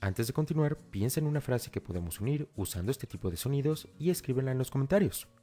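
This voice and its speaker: A man's voice: medium pitch, expressive, fast, mellow, soft background music. A man giving a scripted language lesson, explaining step by step and speaking directly to the learner. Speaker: English teacher. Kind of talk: scripted tutorial narration.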